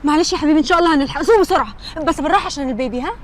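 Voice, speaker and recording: A woman's voice: high voice, a little hiss or hum, natural voice. An actress playing a pregnant young wife in a TV comedy, with an Egyptian Arabic accent, soothing her husband and teasing him. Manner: quick, soothing yet teasing. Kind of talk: TV comedy series acting.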